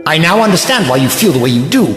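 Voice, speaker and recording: A man playing a thoughtful, eccentric doctor in an audio drama, speaking in measured, formal musings. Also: a little high, very animated, a bit bright. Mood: pensive, troubled. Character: thoughtful, eccentric time-travelling male doctor. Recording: echoey reverberant hall with music.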